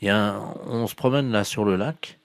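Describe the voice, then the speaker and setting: A man's voice: on the low side, a little fast, no room sound. A man making a prank phone call, earnest and plausible.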